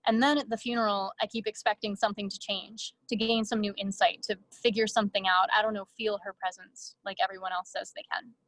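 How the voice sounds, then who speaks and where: A woman reading her own first-person fiction aloud in a measured way, with brief casual asides to the audience. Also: medium pitch, flat delivery, a bit bright. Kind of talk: literary reading.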